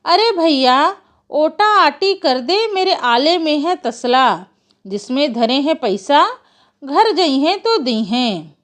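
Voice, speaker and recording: A woman's voice: high voice, very animated, slow, fairly bright tone, heavily acted. A woman voicing a sly female fox who coaxes villagers in a sing-song rhyme. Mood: coaxing. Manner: sing-song rhyming wheedle, sweet and coaxing. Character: sly female fox, smooth-talking trickster.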